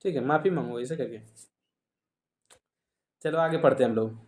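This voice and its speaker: A man's voice: mid-range voice, moderate pace, darkish tone, roomy sound. A man with a Bihari Hindi accent teaching a grammar lesson online, explaining step by step and repeating each example.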